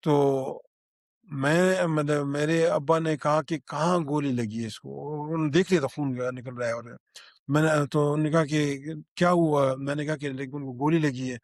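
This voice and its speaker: An older man from Pakistan, giving an eyewitness recollection in a halting way, with restarts and fillers. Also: a little high, fairly even intonation, no room sound, clean studio sound. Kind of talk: spoken recollection.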